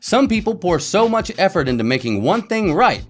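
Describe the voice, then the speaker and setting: A man's voice: high voice, sing-song, moderate pace. A man hosting a podcast, giving mocking commentary with sarcastic, exaggerated swings. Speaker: podcast host.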